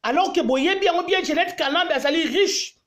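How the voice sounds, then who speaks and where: A Congolese woman from the DRC, a diaspora vlogger, rants angrily on a live stream in an extremely high, slightly fast voice. She mixes French with her native tongue and keeps pleading with viewers to share.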